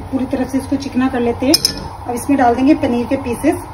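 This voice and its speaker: A woman calmly explaining each step of a recipe while she cooks at her stove at home. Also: high-pitched, a little fast, distant mic, background noise. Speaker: home cooking teacher. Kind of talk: step-by-step cooking instruction.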